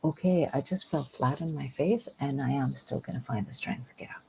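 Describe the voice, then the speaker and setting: Greek-born woman with a gravelly, dark voice. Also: a bass voice, fairly quick, a little hiss or hum, low-quality recording. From Greece. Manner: earnest, repeats words when starting. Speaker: guest. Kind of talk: podcast interview.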